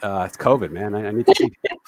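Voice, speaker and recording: A lowish-voiced man from the New York area talks fast with huge pitch swings, and there's no echo. He's hosting a casual livestream over a video call, chatty and self-deprecating as he reads viewer comments out loud.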